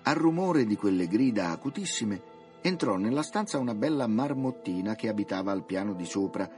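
A man narrating a children's story in a theatrical, expressive way. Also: on the low side, moderate pace. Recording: music playing underneath.

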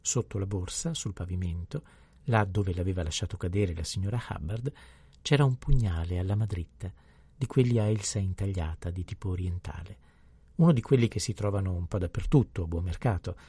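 A low, gravelly male narrator reads a novel aloud in a calm, even storytelling manner. His voice is mellow and a little husky, recorded close and dry. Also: moderate pace, dry recording. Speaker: audiobook narrator. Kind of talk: scripted narration.

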